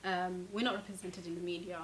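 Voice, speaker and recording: A woman from Somalia answers interview questions in a fairly low voice. She talks earnestly and presses her points with growing force. A faint hiss sits under the recording. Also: flat delivery, brisk, rough recording. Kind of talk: documentary interview.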